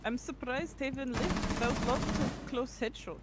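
A woman gaming with friends over voice chat, giving quick callouts about enemy positions. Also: high-pitched. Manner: quick tactical callouts to teammates. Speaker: gamer on stream. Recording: loud game noise under voice chat.

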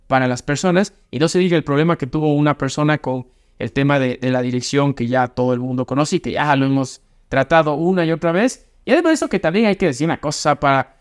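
Young man, high voice, opinionated, casual car talk, desk mic. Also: fast talker, smooth. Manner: opinionated, emphatic, frequent restarts. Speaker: car channel host. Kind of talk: casual car review chat. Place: small studio set with brick wall. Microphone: desk microphone.

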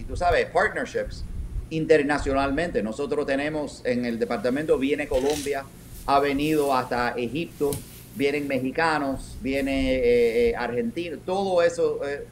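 A middle-aged man, a retired police commander, answering interview questions over a webcam from a home office, talking haltingly with many restarts and English words mixed in. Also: medium pitch, slight background noise. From raised in New York. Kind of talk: video call interview. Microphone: video call webcam.

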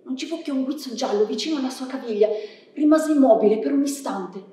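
A woman giving a hushed, measured dramatic reading of a story on a theatre stage. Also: sits high. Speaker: stage reader. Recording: echoey theatre from far off.

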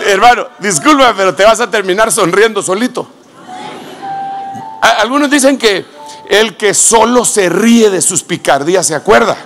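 Predicador de voz aguda y rasposa. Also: male voice. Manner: shouts exclamations, swings from loud cries to low storytelling. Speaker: apostle preaching. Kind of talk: sermon.

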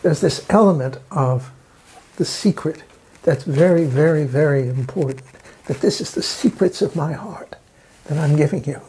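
A man in a documentary interview, talking about literature with animated storytelling and emphatic repeated words. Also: a little high, moderate pace, slight background noise.

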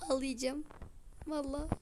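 A young woman giving casual gameplay commentary, excitable and easily frustrated, muttering one moment and crying out the next. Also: high-pitched, background noise. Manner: excitable, swings from muttering to loud frustrated outbursts. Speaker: gaming video creator.

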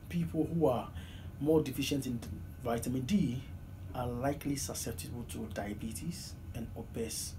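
A man's voice: mid-range voice, creaky. A man in his thirties from Ghana with a Ghanaian accent, earnestly answering interview questions from a small office, with many "uh" fillers. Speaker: PhD student guest. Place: small office, seated in desk chair. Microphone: far camera, low angle. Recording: noisy room recording.

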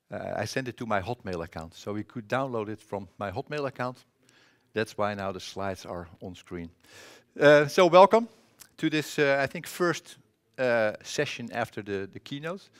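A middle-aged man from the Netherlands with a Dutch accent, giving a casual conference presentation on a presentation mic, often pausing with filler sounds and restarts. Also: mid-range voice, clean tone. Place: conference room.

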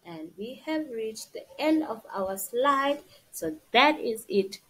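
A woman with a South African accent teaches beginners very slowly, in the simple way one reads to a toddler. Her voice is fairly high and swings up and down in a lively way as she repeats each word and phrase. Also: breathy edge, low-quality recording. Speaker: isiZulu language teacher. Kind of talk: slideshow vocabulary lesson for young beginners, bilingual.

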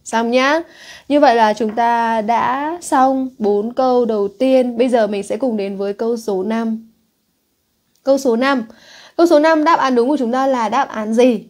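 A woman's voice: on the high side, normal speed. A woman English teacher with a Northern Vietnamese accent, teaching an exam-prep lesson and reading English words aloud before explaining them, often asking students if they have followed.

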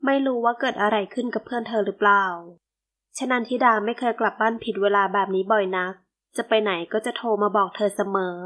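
A woman's voice: medium pitch, fairly bright tone. Woman narrating a romance audio novel.

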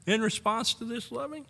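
Bright-voiced older pastor preaching in a hall. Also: male voice, extremely high pitch, vocal fry. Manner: earnest, with warm little laughs and rhetorical questions. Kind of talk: sermon. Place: church sanctuary. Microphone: pulpit microphone on a stand. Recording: long church hall reverb.

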